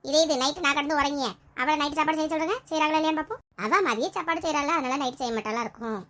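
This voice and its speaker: High bright voiced woman, nagging and scolding in a family comedy skit, talks super fast. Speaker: skit creator playing family roles.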